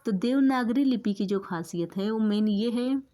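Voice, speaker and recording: A woman's voice: a little high, moderate pace, mellow. A woman teacher explaining exam material in a lecture, repeating key points for her students and mixing words into her talk.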